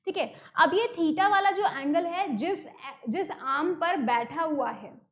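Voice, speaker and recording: A woman's voice: very high voice, lively intonation, measured pace. An Indian woman teaching an online math lesson, explaining step by step and repeating key terms, mixing English words into her talk. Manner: mixes English terms into Hindi.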